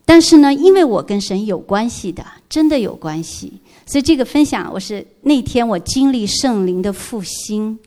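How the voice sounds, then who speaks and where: A woman's voice: fairly high pitch, lively intonation, normal speed, hardly any pauses, mellow. A middle-aged woman giving an emotional church testimony, telling her story earnestly and dropping in English words.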